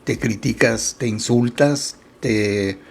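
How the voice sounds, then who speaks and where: A man hosting a reflective self-help talk show, speaking in an unhurried, thoughtful way with many pauses and soft "mm" fillers and putting gentle questions straight to the listener. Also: mid-range voice, creaky, breathy edge.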